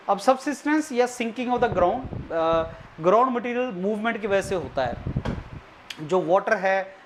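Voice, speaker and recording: An exam-prep tutor giving an online lecture, talking deliberately with frequent hesitations and repeating key terms for students. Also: medium pitch, slight background noise.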